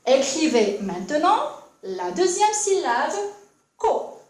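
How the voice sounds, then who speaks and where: A high, lively female voice leads young children through a handwriting lesson at a patient, slow pace. She is heard from some way off the mic. The room around her adds a clear echo. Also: slight background noise. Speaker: primary school teacher. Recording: echoey room, voice from a distance.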